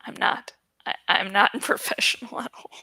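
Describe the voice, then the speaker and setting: At medium pitch and a normal pace, a woman with a husky, gravelly, sharp-toned voice gives a dramatic storybook reading with no echo. As an amateur audiobook reader, she laughs at her own stumbles with self-mocking asides along the way.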